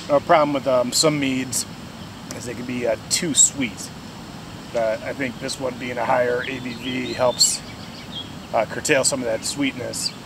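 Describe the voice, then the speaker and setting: A man in his forties casually talking on a camping vlog, relaxed and chatty with lots of fillers, recorded outdoors on a camera. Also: mid-range voice. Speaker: vlogger. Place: outdoors at a campsite and on a bike trail. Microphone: camera on a tripod, action cam while riding. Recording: noisy outdoor camera audio. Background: outdoor ambience.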